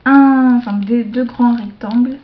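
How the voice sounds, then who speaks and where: A woman showing off a shopping haul to her viewers in a casual show-and-tell, hesitant, with many fillers and self-corrections, slipping into soft asides. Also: on the high side, steady tone. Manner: slow, chatty, drops into soft asides. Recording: dull lo-fi home video sound.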